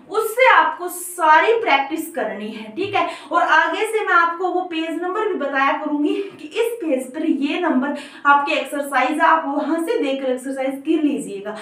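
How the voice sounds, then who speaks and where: A woman's voice: high-pitched, sharp tone. A woman teaching an online English grammar lesson, explaining step by step and checking in with her students often. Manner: explanatory, repeats "theek hai" to check understanding. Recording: very echoey room, voice from a distance.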